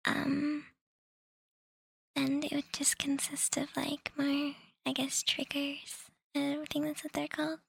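A young woman speaks in a soft, close whisper with a heavy gravelly fry running through it. Her voice sits high but stays flat, and she talks slowly, rambling and apologizing. The sound is dry and close, with no room echo. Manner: rambling, apologetic, many ums. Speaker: audio creator updating listeners. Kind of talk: whispered casual update.

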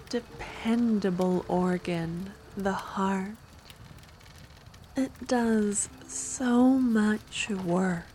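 A woman's voice: medium pitch, darkish tone, a little hiss or hum. A woman voicing an ancient, seductive and possessive female vampire in an intimate, teasing ASMR role-play. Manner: slow, intimate, teasing, drawn-out delivery.

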